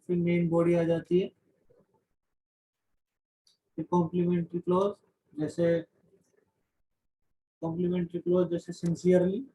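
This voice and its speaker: A man's voice: fairly high pitch, dark tone, slightly rough. A man teaching a class, explaining in Hindi mixed with English terms and often restarting his sentences. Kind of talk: classroom lecture. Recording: dull lo-fi recording.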